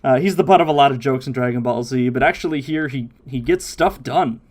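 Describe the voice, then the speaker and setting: Man, podcast host, casual chat, animated recap, mid-pitched voice, playful impressions. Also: brisk. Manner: animated, mimics characters' voices while recapping.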